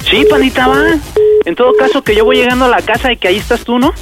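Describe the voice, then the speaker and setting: A man's voice: extremely high pitch, fast talker, loud music behind the voice. A man with a Mexican accent acting as a prank accomplice, talking urgently with lots of slang.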